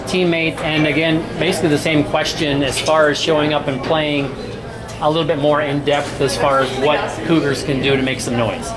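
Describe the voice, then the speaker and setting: A man hosting a sports press conference, introducing teams and asking players questions in a friendly, scripted way with filler pauses. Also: on the high side, little pitch movement, a crowd in the background. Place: tournament press conference room.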